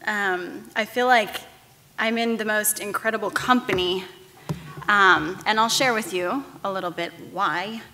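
A woman in her thirties giving a commencement address from a podium, candid and halting, with restarts and fillers. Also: medium pitch, background noise. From Texas-Mexico border region. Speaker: commencement speaker, news anchor. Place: large auditorium stage. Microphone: podium microphones. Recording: long hall reverb.

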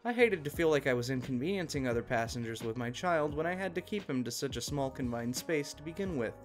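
A man giving a scripted narration of an online post in a steady, even reading manner. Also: fairly high pitch. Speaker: story narrator.

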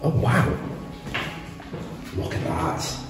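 A man in his forties with an English Midlands accent, narrating an exploration vlog in a dark abandoned school in hushed, awed tones. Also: very slow. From England. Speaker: urban explorer host. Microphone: camera mic held at arm's length. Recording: echoey empty rooms with loud music.

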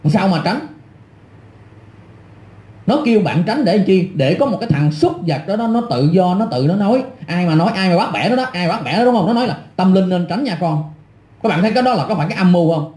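A man's voice: high voice, animated, quick pace, a little mellow, roomy sound. A middle-aged man delivering an angry, scornful rant full of insults and repetition. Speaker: online commentator. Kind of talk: angry ranting monologue.

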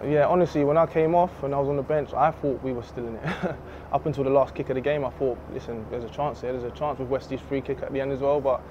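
A young footballer speaks into a handheld mic in the stands of an empty outdoor stadium. He talks in a relaxed, candid way at a medium pitch. The audio is a little dull and carries a faint hiss of outdoor noise. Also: quick pace, few pauses. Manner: relaxed, candid, laughs easily. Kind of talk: post-match interview. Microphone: handheld reporter mic.

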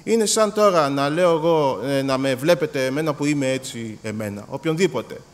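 A Greek man preaching a sermon in a church hall, animated and acting out little dialogues, repeating words as he goes. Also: mid-range voice. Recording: long hall reverb.

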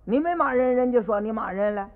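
A man's voice: very high voice, expressive, quick pace. Humble fretful tofu-maker dad, put on by a man. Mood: placating. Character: humble middle-aged tofu maker father, fretful and deferential. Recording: tinny old radio recording with long reverb.

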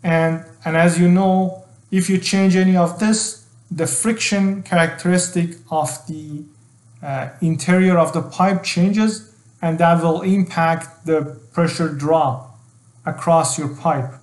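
A middle-aged man teaching an engineering software tutorial, explaining step by step with fillers and restarts. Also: a little high, fairly even intonation, takes it slowly, reverberant. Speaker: HVAC design instructor. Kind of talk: screen-share software tutorial.

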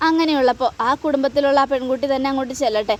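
A woman's voice: high voice, very fast, close to an everyday voice. A woman reading as Nandu, a heartbroken young woman. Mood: pleading. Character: heartbroken young woman torn over love.

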